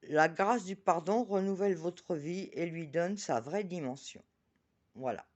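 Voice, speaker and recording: A chatty woman presenting oracle cards on her channel, talking about herself in the third person and reading each card's message slowly. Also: fairly low pitch, darkish tone, lo-fi sound. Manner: reads card messages slowly.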